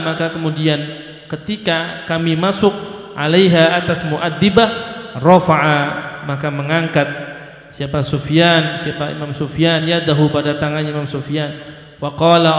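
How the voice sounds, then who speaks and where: A man giving a Ramadan study sermon. He reads Arabic phrase by phrase, chants some of it, then explains it slowly. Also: a little high, level tone. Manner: sometimes chants the Arabic in a sing-song tone. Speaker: ustadz teaching a classical text. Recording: echoey hall with long reverb.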